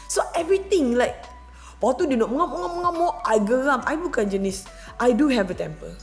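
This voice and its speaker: A married woman vlogging, telling a casual story with lively acted-out quotes and English words mixed in. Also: brisk, soft background music. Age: adult, married. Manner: animated, acts out quotes with big pitch jumps, mixes English in.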